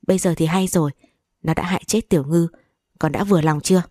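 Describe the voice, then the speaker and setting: A grumbling, stern old grandfather from an audio story, read aloud by a woman. The voice sits low and mellow, a little husky, recorded close and dry. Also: fast talker, dry recording, natural voice. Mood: grumpy. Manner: grumbling, scolding.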